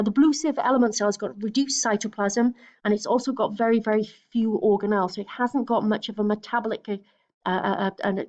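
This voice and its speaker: A woman's voice: mid-range voice, a little mellow, lo-fi sound. A woman teacher giving a recorded lecture over slides, explaining steadily, with frequent fillers and restarts.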